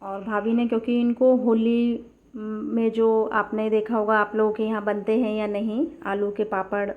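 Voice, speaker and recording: A woman narrating a vlog voice-over in a soft, even storytelling manner. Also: medium pitch, a little slow, narrow, tinny audio. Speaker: vlogger.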